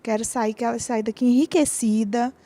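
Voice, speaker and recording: A woman's voice: on the high side, steady tone, moderate pace, warm tone. A Brazilian woman speaking as a guest in an earnest way, often repeating her words.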